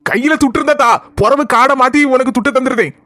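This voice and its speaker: A woman voicing a boastful, penniless husband in a comic cartoon, with a Kanyakumari Tamil accent and a teasing, smooth-talking manner. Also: sits high, quick pace, pushed and bright, no room sound. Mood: scheming. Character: boastful broke husband back from abroad.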